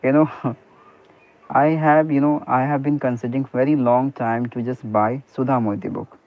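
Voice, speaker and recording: With a mid-range voice, steady tone, and moderate pace, a private teacher talks through a tinny connection. Hindi is his first language, and in this English speaking practice he's earnest, repeatedly using "you know" and "okay" and restarting sentences.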